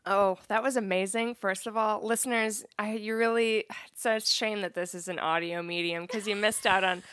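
A woman's voice: medium pitch, steady tone, moderate pace, a bit bright, smooth, no echo, studio quality. A young woman co-hosting a casual podcast, blunt, laughing easily and swearing a lot. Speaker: podcast co-host.

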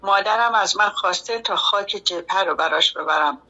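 A woman's voice: mid-range voice, bright, forceful tone. A woman voicing a pleading devout teen boy. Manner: pleading, choked up. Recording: dull lo-fi recording.

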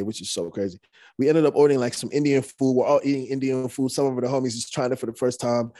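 In a casual interview, a young rapper guest relaxes into rambling stories peppered with fillers and restarts. His pitch is medium, and the audio is studio quality with no room sound.

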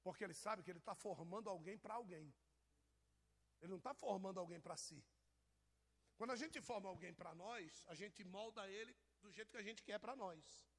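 A man's voice: high-pitched, normal speed, fairly bright tone, husky. A man preaching, teasing and joking with people in his congregation. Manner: teasing, jokey, addresses people in the pews. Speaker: pastor. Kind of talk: informal sermon to a congregation.

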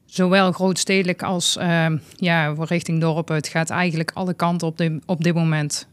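A woman, a youth work coordinator, answering interview questions off the cuff with small pauses. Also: fairly low pitch, level tone, no echo.

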